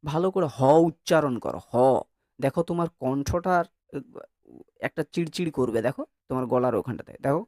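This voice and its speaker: A man's voice: a little high, brisk, a little mellow, no echo, clean studio sound. A male teacher giving a classroom lecture who coaxes his students to answer and demonstrates sounds by repeating them.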